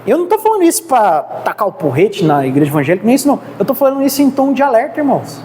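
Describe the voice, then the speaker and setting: A woman with a Brazilian accent lectures a church theology class very fast, with big pitch swings in a warm, high-leaning voice. Earnest and exhorting, she repeatedly calls the class brothers, and the recording carries a reverberant hall with faint noise.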